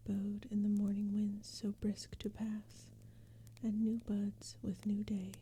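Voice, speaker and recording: Whispering breathily and almost without voicing, a female ASMR narrator reads poetry in a mid-range voice. She keeps an unhurried, gentle, even storytelling manner. Behind her is a steady, quiet bed of crackling fire and forest ambience.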